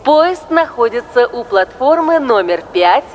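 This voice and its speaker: Slow, high-voiced woman making station announcements. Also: dull audio, slight background noise. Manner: measured, even, official announcing delivery. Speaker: station announcer in a listening exercise. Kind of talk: formal scripted train station announcements.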